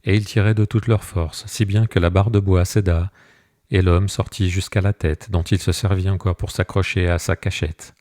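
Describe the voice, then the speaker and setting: Audiobook narrator, man, low mellow voice, measured delivery, dry close sound. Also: flat delivery, no room sound. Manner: measured storytelling. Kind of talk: scripted narration.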